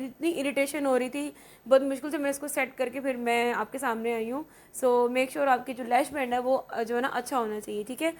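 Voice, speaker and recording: A woman hosting a casual makeup tutorial, chatty and often checking in with "okay". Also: high voice. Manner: chatty, repeats "theek hai" often. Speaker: makeup vlogger.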